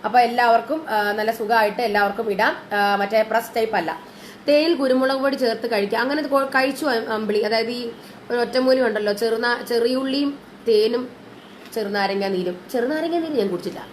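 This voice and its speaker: A woman with a high voice and a lingering cold and cough chats fairly quickly during a casual live sales stream, greeting viewers and mixing in English words. There is a little hiss or hum on the recording.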